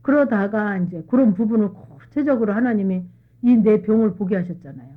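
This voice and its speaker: A woman's voice: medium pitch, lively intonation, a little fast. A middle-aged woman giving an earnest church testimony, acting out her own prayers as she speaks. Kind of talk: testimony talk to a church group. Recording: phone-like narrow sound.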